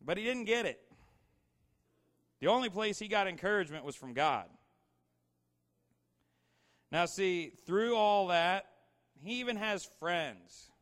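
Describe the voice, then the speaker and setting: A man's voice: high-pitched, a bit bright. A man preaching a casual, storytelling sermon, asking the audience questions and saying "you know" a lot. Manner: filler-heavy, repeats "you know". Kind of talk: conversational sermon. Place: large hall with slides. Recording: long hall reverb.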